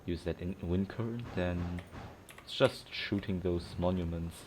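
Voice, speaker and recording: A man with a low voice commentates casually and unhurriedly as he plays a video game, rambling and thinking out loud. Game music plays loudly behind him, with slight background noise.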